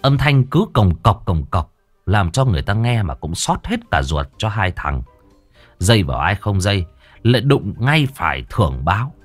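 A man narrating a comic folk-style story in a colloquial, crude and lively way. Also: on the low side, moderate pace, no echo, faint music behind. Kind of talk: casual spoken story narration.

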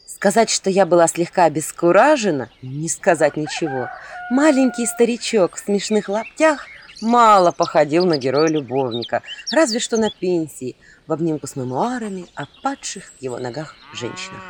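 A woman's voice: fairly low pitch, sing-song, normal speed, a little hiss or hum. A woman narrating an audiobook in the first person, with a wry, ironic storytelling manner.

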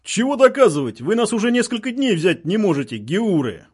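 Man shouting as angry guttural militants. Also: high-pitched, very animated, normal speed, slightly rough, voice pushed up, full character voice. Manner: shouting angrily. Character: shouting group of male militants, aggressive.

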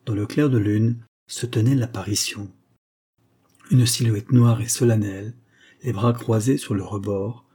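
A man narrating an audiobook in a measured, dramatic reading. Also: fairly low pitch, warm tone, breathy edge. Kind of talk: scripted narration.

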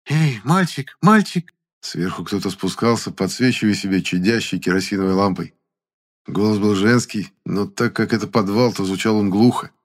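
A man narrating an audiobook in the first person with an even storytelling delivery. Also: low voice, moderate pace.

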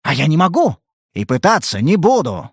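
A man doing a gruff, irritable detective. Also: on the high side, sing-song, brisk, dry recording, clean studio sound, voice pushed up. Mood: angry. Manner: curt, blunt, growling. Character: gruff, irritable hard-bitten male detective. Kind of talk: audiobook character reading.

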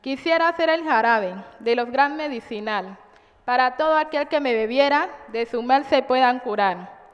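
High-voiced woman reading her rhyming poem slow and measured, long echo, kinda dull sound. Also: expressive. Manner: measured, rhyming delivery with hesitant asides. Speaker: community participant reciting her poetry. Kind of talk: poetry recitation. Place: community cultural house.

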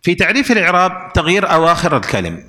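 A man's voice: high-pitched, sing-song, very fast, bright, forceful tone, big-room sound. A man teaching an Arabic grammar lesson, explaining rules through repeated examples and questions to his students.

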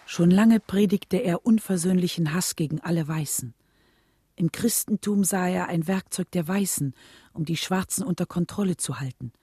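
An actress playing the earnest wife of a civil rights leader, looking back in measured, solemn radio drama narration. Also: female voice, lowish voice, warm tone, husky, no room sound.

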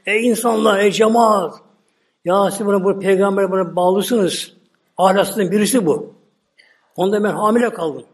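A man's voice: high-pitched, moderate pace, pitched above the performer's own voice. A man voicing a deceitful woman who publicly accuses a prophet. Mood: accusing.

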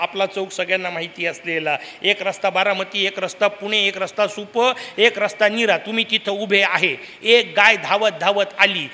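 A man's voice: sits high, bright, forceful tone. A man from the giving a Purana discourse, telling stories animatedly and asking the audience rhetorical questions. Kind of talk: religious discourse. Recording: long hall reverb.

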